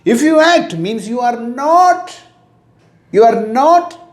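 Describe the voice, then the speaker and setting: A middle-aged man with an Indian English accent delivers a motivational talk in a very high, lively voice. He speaks slowly and deliberately and repeats his key points. The sound is echoey, as if in a bare room. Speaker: motivational teacher.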